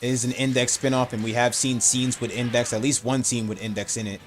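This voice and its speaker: A man's voice: mid-range voice, little pitch movement, brisk, faint music behind. Rambling male game streamer, casual. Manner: rambling, opinionated. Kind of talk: casual live stream chat.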